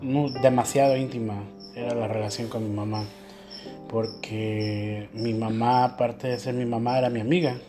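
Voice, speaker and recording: A man's voice: medium pitch, steady tone, normal speed. A young adult man with a Mexican Spanish accent, talking candidly and emotionally in a casual chat, with music underneath. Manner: candid, emotional storytelling with slang. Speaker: co-host.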